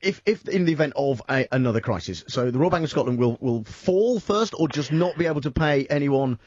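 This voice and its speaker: A man hosting a radio show, chatting in a jokey, animated way and riffing on silly ideas. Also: medium pitch, brisk, dry recording, dull audio. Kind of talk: casual radio chat.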